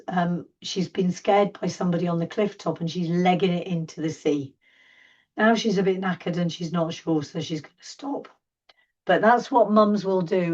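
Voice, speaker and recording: A woman's voice: on the low side, a little mellow. A middle-aged woman from England with a sore throat, giving a chatty, enthusiastic online talk as a seal researcher over wildlife clips. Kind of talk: informal narrated video lecture. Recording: distant, dull lo-fi mic.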